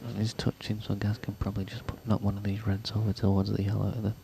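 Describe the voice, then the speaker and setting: Low, flat-voiced pool commentator. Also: male voice, fast, vocal fry. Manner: hushed, dry, chatty asides between shots. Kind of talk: live sports commentary. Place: pool hall at a match. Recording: noisy venue background.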